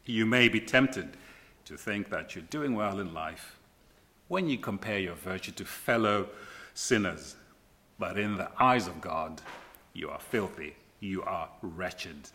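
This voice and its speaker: Male preacher, middle-aged, unhurried and emphatic, repeats lines for weight, lowish pitch. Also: expressive, bright, forceful tone. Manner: emphatic repetition of key phrases; slow deliberate delivery with dramatic pauses. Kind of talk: sermon.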